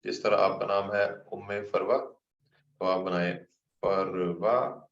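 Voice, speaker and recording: Male instructor, lowish voice, patient Q&A teaching, muffled echoey lo-fi recording. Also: steady tone, slow, creaky. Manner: patient, reads student questions aloud and answers them. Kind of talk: online class lecture. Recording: muffled lo-fi recording, roomy echo.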